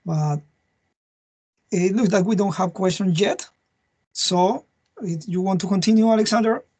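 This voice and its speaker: A webinar host speaking over a video call, moderating questions from the audience. The delivery is halting, with repeated words and small restarts, at a medium pitch. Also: dark tone, husky.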